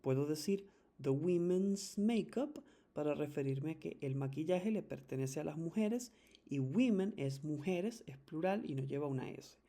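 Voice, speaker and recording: A teacher giving an English grammar lesson in Spanish, patiently repeating each rule and slowly drawing out the example words. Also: medium pitch, expressive, warm tone.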